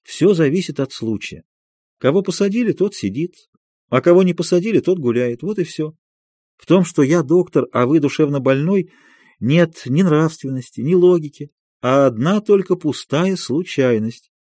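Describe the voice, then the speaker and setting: Man doing a soft, apologetic elderly doctor in an audiobook, dry studio sound. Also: fairly high pitch, lively intonation, normal speed, no echo. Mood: calm. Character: gentle, meek older male doctor. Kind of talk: audiobook character reading.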